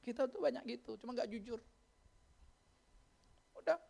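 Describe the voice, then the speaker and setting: Animated male pastor, slang. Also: very high voice, moderate pace, creaky. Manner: animated, playful storytelling with voiced impressions. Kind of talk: sermon.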